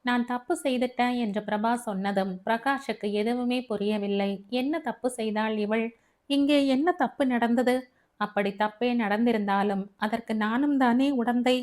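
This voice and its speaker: Female audiobook narrator, steady storytelling, slightly high voice. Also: unhurried. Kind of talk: scripted narration.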